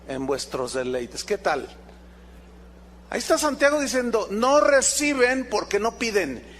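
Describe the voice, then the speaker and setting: High-voiced pastor preaching. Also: male voice, slight background noise. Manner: animated, quizzing the congregation with rhetorical questions. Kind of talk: sermon.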